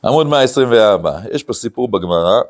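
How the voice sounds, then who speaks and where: A man, a rabbi, giving an animated Talmud study lecture, acting out quotes and using many filler sounds. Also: medium pitch, slight background noise. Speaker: rabbi teaching a class.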